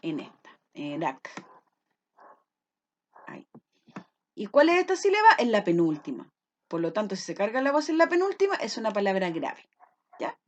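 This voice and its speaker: A woman teacher explaining a lesson patiently, often checking that her pupils follow. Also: a little high. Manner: patient, checks understanding with frequent "¿ya?".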